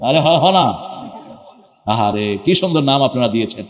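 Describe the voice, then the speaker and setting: A man's voice: medium pitch, expressive, moderate pace. A man preaching a sermon to a crowd. He asks the crowd questions, answers them himself, and sometimes breaks into chanted phrases. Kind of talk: Islamic sermon at a public gathering. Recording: echoey hall with long reverb.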